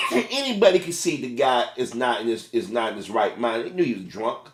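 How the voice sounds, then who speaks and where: A middle-aged man, a former fast food manager, giving casual, plain-spoken commentary on a video. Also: medium pitch, sing-song, a bit bright, reverberant, a little hiss or hum.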